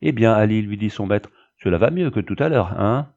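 A man voicing a kind, devout young country pastor who speaks earnestly and gently. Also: on the low side, animated, fairly quick, gravelly, dull audio. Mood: cheerful.

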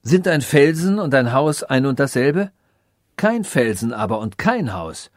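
A man's voice: medium pitch, very animated, a little slow, dry recording, studio quality. A man voicing a cruel robot king who mocks his sage and orders executions, in an audiobook reading. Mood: scornful. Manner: mocking, scornful and commanding.

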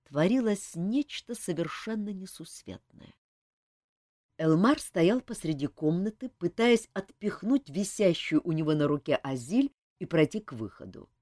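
A woman narrating a fantasy novel as an audiobook reader, expressive in delivery. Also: lowish voice, measured pace, dry recording, studio quality. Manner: expressive, lively reading.

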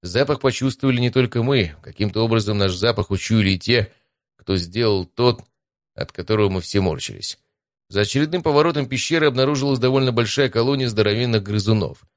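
A man reading an adventure audiobook in calm, even first-person narration. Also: fairly low pitch, brisk, no echo, clean studio sound.

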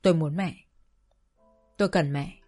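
A woman narrating a sad first-person story in a slow, sorrowful storytelling manner. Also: low voice, dark tone, faint music behind.

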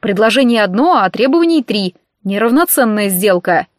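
A woman's voice: medium pitch, animated, moderate pace, no room sound, studio quality, natural voice. A woman voicing a stern, sarcastic male government minister who talks in a cool, ironic tone in an audiobook.

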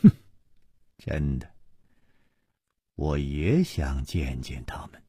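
A man voicing a cool, wry young male swordsman hero in a storybook tale, speaking in low, quiet, clipped lines. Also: takes it slowly, no room sound, studio quality, full character voice.

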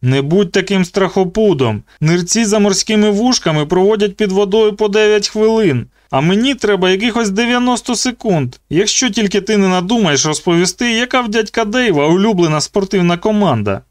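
Raised-pitch jeering voice, sadistic grown man, mocking singsong, louder and pushy, a man putting him on, dry close recording. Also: lively intonation, brisk, hardly any pauses, no room sound. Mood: taunting. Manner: taunting, sneering, playful cruelty. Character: sadistic mocking male guard, adult. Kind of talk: audiobook character voice.

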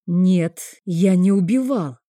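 A woman's voice: lowish voice, slow pace, warm tone, dry recording, studio quality. A woman voicing a bitter, sarcastic grieving man in an audiobook. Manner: bitter, biting.

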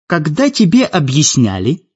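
A man voicing an old, tired, fatherly head mage who speaks melancholically, with a slightly husky voice. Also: on the high side, huge pitch swings, unhurried, pitched above the performer's own voice, full character voice. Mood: melancholy. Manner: melancholy, gently guilty. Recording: dull lo-fi audiobook with faint music.

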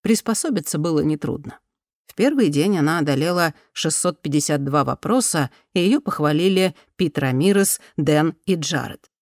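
Audiobook narrator: woman, calm and even, lower register, dry studio sound. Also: normal speed, no room sound. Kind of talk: scripted narration.

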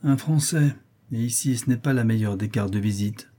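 A man's voice: lowish voice, moderate pace, dark tone, natural voice. A man reading an audiobook, voicing a proud, curt widowed mother in a raised voice. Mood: proud, stern. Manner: curt and scolding. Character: stern widowed mother, sharp-tongued, proud.

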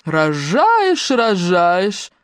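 A woman's voice: huge pitch swings, very slow, no room sound, studio quality, full character voice. A woman reading aloud and voicing a haughty, hysterical grown woman who snaps and shrieks insults. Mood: scornful. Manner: shrill, disdainful, snapping.

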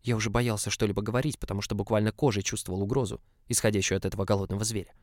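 A man narrating a novel in the first person in an even, measured reading. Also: on the low side, dry recording, studio quality. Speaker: audiobook narrator.

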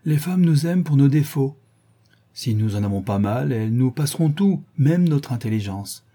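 A man voicing a witty, cynical aristocratic gentleman who trades languid paradoxical quips. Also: medium pitch, expressive, moderate pace, breathy edge, voice pushed up. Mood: wry.

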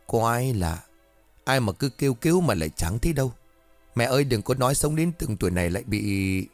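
A man voicing an anxious, sharp-tongued old village woman in her seventies who calls out shrilly and scolds. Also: mid-range voice, big pitch swings, a little fast, no echo, soft background music, lightly acted. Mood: frightened.

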